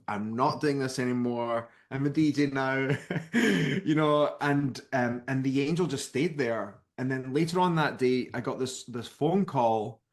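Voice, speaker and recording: A man from Scotland in his thirties, a spiritual author telling a personal story as a guest and acting out the people in it. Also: medium pitch. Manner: lively narrator who acts out the people in his story.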